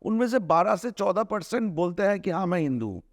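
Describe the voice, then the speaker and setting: A middle-aged man from India, a film director giving an interview, arguing his points earnestly with many restarts and drawn-out hesitations. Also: sits high, animated, no echo, clean studio sound. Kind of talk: conversational interview, mixing Hindi and English.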